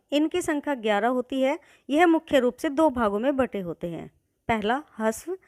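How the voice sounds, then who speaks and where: High-voiced woman teaching grammar. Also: darkish tone, no room sound, clean studio sound. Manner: methodical, spells out sounds one by one. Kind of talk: exam-prep grammar lesson.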